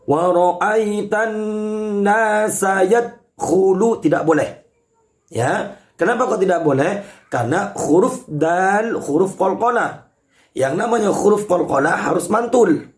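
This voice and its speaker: A man's voice: high voice, lively intonation, unhurried. A man teaching Quran recitation rules in an online lesson, patiently explaining each point step by step. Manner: addresses listeners as congregation.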